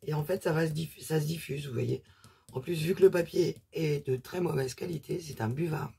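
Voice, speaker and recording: A presenter chats casually while doing a hands-on craft demonstration, rambling with lots of fillers and asides and trailing off mid-sentence as they work. The voice is mid-range and dark, a little fast, with vocal fry and a breathy edge.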